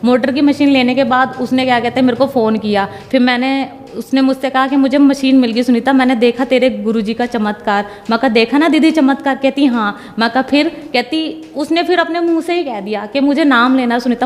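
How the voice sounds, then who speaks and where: A woman's voice: high-pitched, a little fast, hardly any pauses, long reverb tail. A young woman giving a personal religious testimony in casual storytelling, retelling conversations line by line and quoting herself and others.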